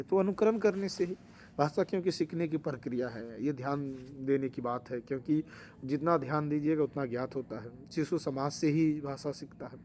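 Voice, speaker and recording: Hindi man lecturing with pauses. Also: fairly high pitch, darkish tone, slight background noise. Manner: explanatory, with fillers and restarts. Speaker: teacher. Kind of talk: exam-prep lecture.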